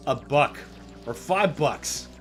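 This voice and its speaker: A man's voice: mid-range voice, lively intonation, takes it slowly, faint music behind. A man hosting a gaming livestream, chatting casually and playfully and laughing often as he plays. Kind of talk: casual gameplay commentary.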